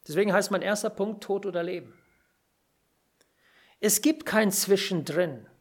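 A preacher giving an earnest sermon, stressing key phrases through repetition and pausing now and then to search for words. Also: medium pitch. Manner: pauses to search for words with fillers. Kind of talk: sermon on a Bible passage.

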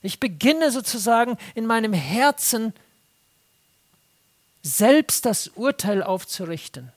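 A preacher giving an earnest, exhorting sermon, rising to raised emphatic stretches and sinking to hushed, low, intense passages, with phrases repeated for weight. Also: sing-song, takes it slowly.

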